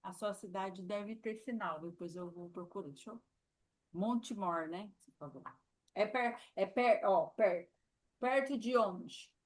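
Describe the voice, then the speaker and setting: A woman with a Brazilian Portuguese accent teaching sign language in a live lesson, slow and patient, demonstrating as she repeats each word. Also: mid-range voice, a little mellow.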